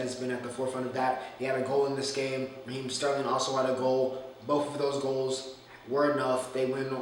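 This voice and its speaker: A man hosting a casual solo sports talk show with a groggy morning voice, rambling and opinionated with frequent restarts. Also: mid-range voice. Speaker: sports podcast host. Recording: echoey room, distant mic, faint noise.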